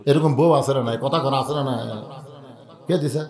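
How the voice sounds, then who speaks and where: A man from Bangladesh with a Bogra dialect, preaching a waz sermon and telling a story, dramatically swinging from hushed to shouted lines and acting out the dialogue. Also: mid-range voice, fast. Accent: northern Bangladeshi (Bogra) dialect.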